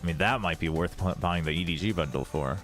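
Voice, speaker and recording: A low-pitched, fairly bright voice belongs to an American East Coast man who talks fast as he hosts an esports watch party. Faint music sits behind his casual livestream commentary, analysis and informal chat.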